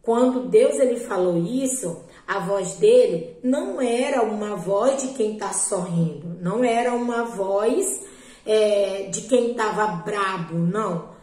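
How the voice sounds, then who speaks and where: A woman's voice: mid-range voice, slow pace, warm tone, echoey room, low-quality recording. A Brazilian woman earnestly telling a religious testimony to a group, repeating herself and often checking in with her listeners. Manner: earnest, repetitive, often asks "né?". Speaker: believer giving a testimony.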